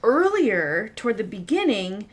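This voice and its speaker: A woman's voice: mid-range voice, big pitch swings, unhurried, husky. Brief: female co-host, casual film discussion, amused and wry storytelling, natural mid-range voice. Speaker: podcast co-host reviewing horror films.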